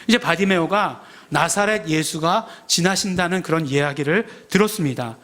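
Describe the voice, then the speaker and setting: Pastor, man, fairly high voice; chatty sermon delivery, rhetorical questions, acts out the quotes. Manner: conversational preaching, frequent "ye" fillers and rhetorical questions; acts out shouted quotes of the crowd. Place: church sanctuary.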